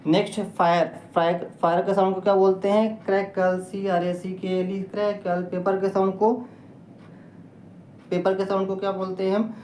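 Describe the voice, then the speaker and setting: A woman's voice: medium pitch, little pitch movement, moderate pace, warm tone. Woman teaching English words, echoey room. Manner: spells words letter by letter, repeats and quizzes. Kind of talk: Hindi-English vocabulary lesson. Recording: echoey room with faint noise.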